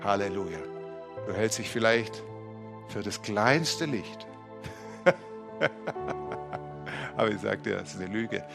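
A male pastor leading a charismatic sermon with prayer in a church, swinging between loud exclamations and soft, murmured prayer. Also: fairly low pitch, moderate pace, gravelly, music in the background. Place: church hall, also streamed live.

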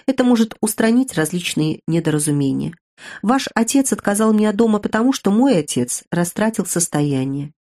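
A woman voicing a ruined young man in an audiobook, speaking in a measured, grave and resigned way. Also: mid-range voice, lively intonation, mellow, lightly acted. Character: young man, earnest, bitter, ruined suitor.

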